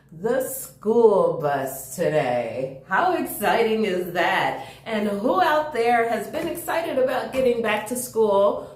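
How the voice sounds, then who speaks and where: With a mid-range, slightly mellow voice, a woman reads a story to young listeners and chats with them enthusiastically, sprinkling in questions and asides. The recording sounds roomy and echoing.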